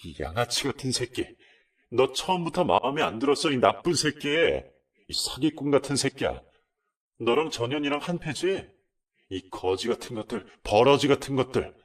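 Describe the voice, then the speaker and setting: A man doing an enraged shouting son. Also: a little high, wildly swooping pitch, unhurried, voice pushed up, heavily acted. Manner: furious, shouting insults.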